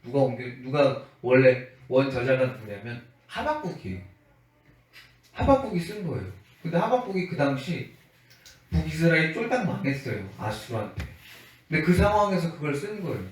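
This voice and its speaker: A man's voice: mid-range voice, very animated, moderate pace, far from the mic. Conversational male pastor in an echoey room. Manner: conversational preaching, acts out quoted voices. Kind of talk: sermon.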